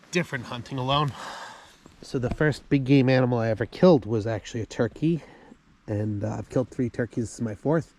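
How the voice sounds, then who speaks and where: A man in his thirties from the USA, talking casually for his hunting vlog outdoors on a farm, halting and emotional with many fillers. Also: medium pitch, darkish tone. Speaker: hunting vlogger.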